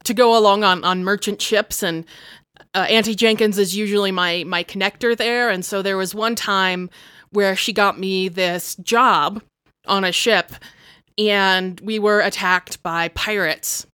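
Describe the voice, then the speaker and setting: A woman's voice: mid-range voice, a little slow, clear, resonant tone, no room sound, studio quality. Chatty woman playing a tabletop game. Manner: relaxed, chatty, laughs often. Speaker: player. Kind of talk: in-character tabletop game chat.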